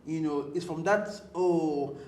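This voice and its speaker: A woman talks openly as a podcast guest, animated and emotional, often restarting her sentences. The recording is roomy. Faint noise sits behind her voice. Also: deep voice, fairly quick. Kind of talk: candid personal conversation.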